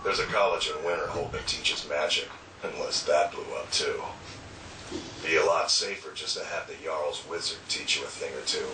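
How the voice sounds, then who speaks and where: Gruff laconic fantasy-game innkeeper, extremely low voice, echoey distant TV playback. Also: male voice, fairly even intonation, normal speed, background noise. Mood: dry, blunt. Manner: dry, plain-spoken, laconic. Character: gruff, blunt male tavern keeper. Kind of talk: fantasy video game acting. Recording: echoey game audio from TV speakers.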